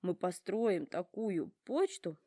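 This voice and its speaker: A woman's voice: fairly low pitch, expressive, slow pace, mellow, dry recording, studio quality. A woman voicing a well-mannered young male elephant in a storybook, polite, earnest and heartfelt. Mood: reassuring.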